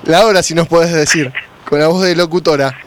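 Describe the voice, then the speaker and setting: A man's voice: on the high side, fairly even intonation, brisk, a little hiss or hum. A man co-hosting a radio chat, asking playful teasing questions. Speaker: radio co-host.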